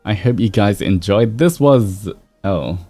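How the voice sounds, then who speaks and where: Over background music, a man hosting a livestream as a VTuber rambles easily to his audience. His voice sits on the low side, animated and warm, and he speaks a little slowly.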